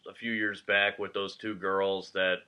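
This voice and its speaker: A man's voice: low-pitched, level tone, a little slow, pushed and bright, clear, resonant tone. A man hosting a movie review channel, chatting casually and laughing easily, recorded on a laptop microphone.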